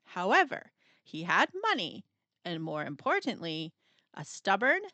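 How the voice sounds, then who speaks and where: A woman with a lowish voice reads a children's picture book aloud, expressive and playful, using dramatic pauses and emphasis. There is no room sound.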